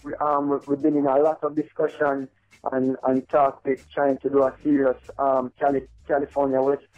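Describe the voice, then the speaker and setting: A man's voice: mid-range voice, completely flat delivery, moderate pace. A male reggae artist, calling in by phone to a radio show and talking in a loose, rambling way with many "you know what I mean"s. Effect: over the phone. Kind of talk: phone interview, casual. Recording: tinny phone line, faint music behind.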